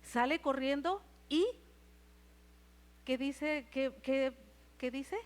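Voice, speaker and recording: Speaking extremely slowly in a high-pitched voice, a Mexican-accented woman delivers a Sunday sermon in church. She recounts scripture while repeatedly asking the congregation questions.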